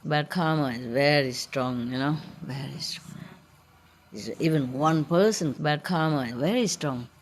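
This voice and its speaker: A woman spiritual teacher chatting casually with a gathering, playful and laughing often, in broken English. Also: low-pitched.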